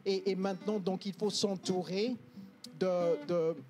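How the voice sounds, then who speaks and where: A man's voice: high-pitched, fairly even intonation, measured pace. A man, an English coach explaining confidently on a talk show, with many hesitations. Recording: TV studio with music playing behind.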